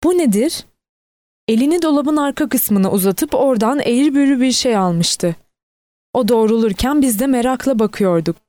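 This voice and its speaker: Lady reading a mystery novel out loud, warm and kinda high, dry booth sound. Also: normal speed, no room sound. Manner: steady storytelling, lightly voicing quoted characters. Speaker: audiobook narrator. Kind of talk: scripted audiobook narration.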